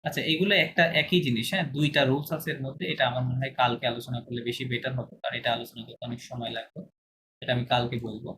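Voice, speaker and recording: A man teaching a language class online, repeating examples slowly and checking with his students as he goes. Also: medium pitch, fairly even intonation. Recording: video call with clear background noise.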